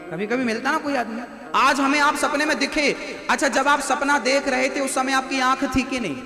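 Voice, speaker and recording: A man preaches a devotional sermon to a live audience in a very high voice. He keeps putting questions to the listeners and slows down to recite verses. A long echo from a large hall surrounds him, with clear instrumental music behind. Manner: asks the audience questions, recites couplets slowly. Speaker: spiritual preacher. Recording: echoey hall recording with music.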